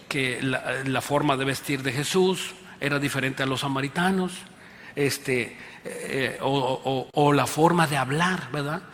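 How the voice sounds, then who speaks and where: A man preaches with a Mexican accent in a church auditorium, his voice sitting a little high for a man. He talks like a conversation, tossing in tag questions and emphatic pleas. His voice carries a long reverb from the hall. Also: fairly bright tone, a little hiss or hum. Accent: Mexican Spanish. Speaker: pastor. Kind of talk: sermon.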